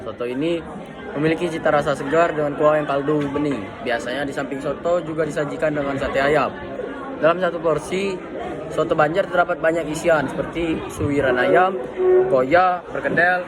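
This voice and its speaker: A teenage boy reads out a school presentation in a slightly high voice, stumbling and restarting now and then. A crowd murmurs clearly behind him, as in a busy classroom. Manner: reads a prepared text aloud with slips and restarts. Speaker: student presenter.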